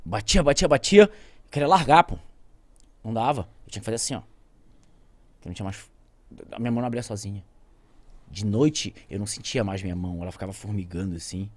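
Husky brazilian guy on a podcast, goes from shouting to almost whispering, really animated. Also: on the low side, fast talker, pauses often, no room sound. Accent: Brazilian Portuguese. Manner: intense, swings from loud outbursts to near-whispers; speaks with conviction, addresses viewers directly. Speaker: podcast guest, pilot. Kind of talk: emotional storytelling.

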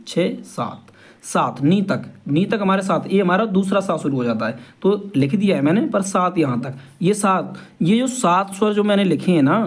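Man, high voice, harmonium teacher, casual lesson, patient, repeats points, asks questions. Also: slightly rough.

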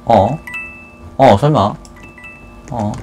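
A man giving casual commentary on an online game he is playing, swinging between loud cheers and nervous muttering. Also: medium pitch, drawn-out words, music in the background, low-quality recording. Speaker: gaming YouTuber.

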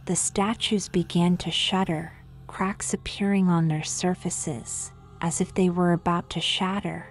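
A woman giving scripted horror narration, slow and grave. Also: lowish voice, fairly even intonation, soft background music.

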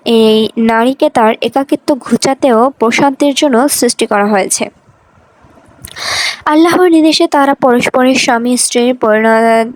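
Woman narrating a religious story, fairly high voice. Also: darkish tone, no echo, low-quality recording. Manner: measured, earnest storytelling reading.

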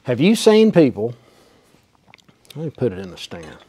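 A man's voice: mid-range voice, huge pitch swings, moderate pace, dark tone, husky. A man in his forties teaching welding in a small indoor workshop, talking in a folksy, emphatic way and demonstrating as he goes, on a lapel mic. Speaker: welding instructor. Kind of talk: hands-on how-to demonstration. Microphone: clip-on lapel mic.

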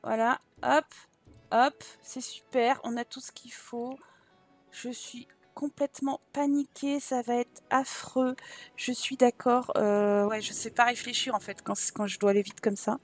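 A woman's voice: a little high, fairly even intonation, unhurried. A woman doing frantic, self-mocking commentary while racing through a timed home-building game challenge. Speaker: gaming YouTuber. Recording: faint game music behind.

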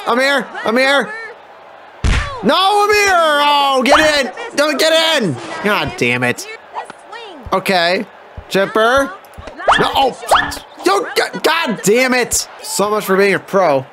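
A man calls his baseball video game live, his voice sitting very high and leaping up and down as he yells and curses at his fielders. He talks at a slow, drawn-out pace between outbursts. Game music plays clearly behind him. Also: background noise. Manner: excitable, swears and yells at the players. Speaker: gaming YouTuber. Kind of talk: live gameplay commentary.

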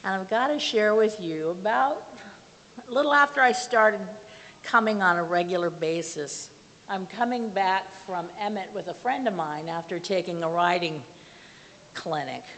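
A woman's voice: mid-range voice, a bit bright. An older woman giving an earnest, plainspoken testimony and prayer from a pulpit in a small church, recorded from the back of the room. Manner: earnest, plainspoken, with slow measured phrasing. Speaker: lay speaker giving a testimony. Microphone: far camera from the back of the room. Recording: reverberant church hall with faint hiss.

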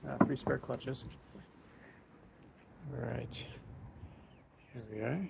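A relaxed man gives a spoken tour of a docked sailboat, recorded on a handheld phone as he walks around. His voice sits at an ordinary middle pitch. He talks casually and fills his pauses with ums and uhs. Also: creaky, very noisy. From United States. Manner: relaxed, thinks aloud with frequent ums and uhs. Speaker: yacht salesman giving a boat tour. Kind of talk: casual walkthrough narration. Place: aboard a docked sailboat, outdoors then in the cabin.

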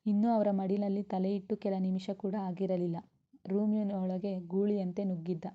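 A woman storyteller reading a serialized romance novel aloud in a steady, expressive way. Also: medium pitch, normal speed, highs cut off.

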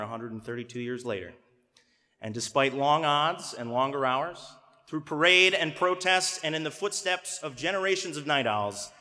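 Rousing young man at an arena podium. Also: on the high side. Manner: rousing oratory, rises to shouts. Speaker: student commencement speaker. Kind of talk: formal commencement speech. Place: large arena stage at a podium. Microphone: podium microphone. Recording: reverberant arena hall.

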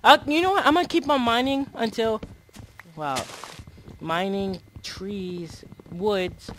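A man's voice: high voice, slow, a bit bright, a little hiss or hum. A man giving rambling, goofy commentary while playing a survival game. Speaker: gameplay commentator. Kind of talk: casual let's-play commentary.

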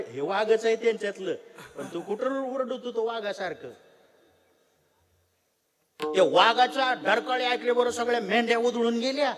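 A man preaching a devotional sermon, telling a story animatedly and swinging between loud and soft at a live temple festival. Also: high-pitched.

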